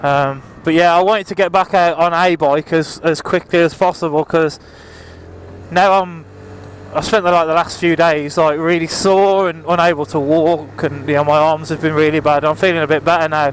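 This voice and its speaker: Man, high-pitched voice, casual motorbike vlog, rambling, apologetic, talking up over the engine, faint wind and engine noise on helmet mic. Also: fairly even intonation, normal speed, rough recording. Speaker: motorbike vlogger. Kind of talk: casual vlog chat to viewers while riding. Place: outdoors, riding a motorbike on the road. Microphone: helmet microphone, visor open. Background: motorbike engine, wind, traffic.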